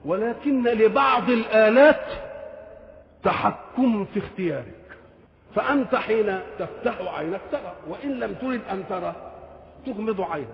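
A man's voice: sits high, animated, normal speed, vocal fry. Older Egyptian man lecturing in a hall. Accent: Egyptian Arabic. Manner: rhetorical questions, shifts between formal and colloquial speech. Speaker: Quran commentator. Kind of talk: religious commentary lecture. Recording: dull lo-fi recording in a reverberant hall.

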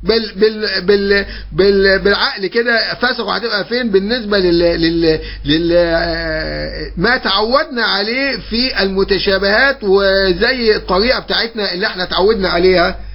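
In a recorded online course, a man with an Egyptian Arabic accent teaches Quran memorization, posing questions and answering them himself. He explains patiently and repeats points with drawn-out fillers, his high voice captured in dull audio.

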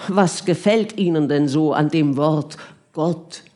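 A superior young scholar lectures in an audiobook, as a woman reader voices him. He talks down to his listener and sets out his views as settled fact. The voice sits fairly low. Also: takes it slowly, dark tone. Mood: lecturing. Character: confident, condescending young male scholar.

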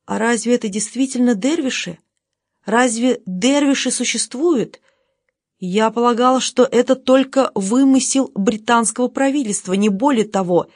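A stern, sharp-tongued colonel, read by a woman narrator, curt and biting. The sound is dry and close. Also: on the high side, normal speed, dry recording. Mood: sarcastic. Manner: stern, sarcastic.

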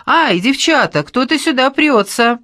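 A woman reader voicing a brash, loud young woman who complains and scolds in a shrill voice. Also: moderate pace, dry recording, clean studio sound, natural voice.

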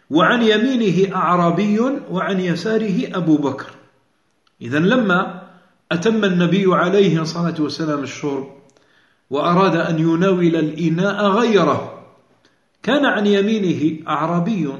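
Man teaching a religious lesson, echoey. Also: a little high. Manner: explains patiently, repeats key phrases, many fillers. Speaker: sheikh teaching a hadith lesson. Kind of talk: religious lesson explaining texts. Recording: echoey room, dull lo-fi sound.

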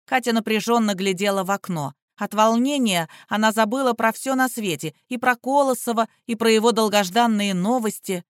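A woman reading a novel aloud as audiobook narrator, in an even, expressive manner. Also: fairly high pitch, moderate pace, hardly any pauses, no room sound, clean studio sound.

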